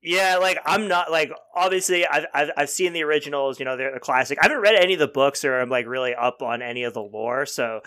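A man in a casual podcast chat, his voice a touch higher than usual for a man. He talks hesitantly, with lots of "like" and restarts, and laughs often. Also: fast talker, hardly any pauses, bright, forceful tone. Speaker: podcast co-host.

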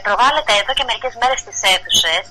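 A woman's voice: fairly high pitch, animated, bright, forceful tone, low-quality recording. A woman from Greece reporting culture news as a correspondent in a casual radio chat, chatty and full of fillers and restarts.

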